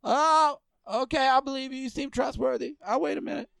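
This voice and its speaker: Rambly stoner grandpa prank caller, high creaky voice, super dry sound. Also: male voice, fairly even intonation, a little fast, fairly bright tone, no echo, full character voice. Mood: exasperated, spaced-out. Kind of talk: improvised prank phone call.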